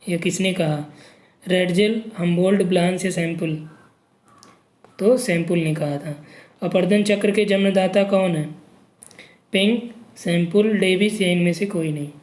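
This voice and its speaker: A man's voice: high-pitched, darkish tone, reverberant. A man teaching an exam-prep geography lesson, reading questions and options aloud and checking in with students. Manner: reads options aloud, frequent "ठीक" checks.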